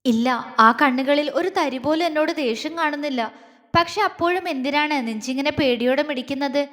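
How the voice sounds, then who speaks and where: A woman's voice: sits high, normal speed, fairly bright tone, in a large hall. A woman voicing a frightened young bride who speaks tearfully and stammers. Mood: fearful. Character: young timid crying bride.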